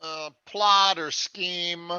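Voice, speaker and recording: Male English teacher, high and bright, slow-paced, wry asides on a video call. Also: steady tone, clean tone, no echo, lo-fi sound. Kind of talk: casual class discussion.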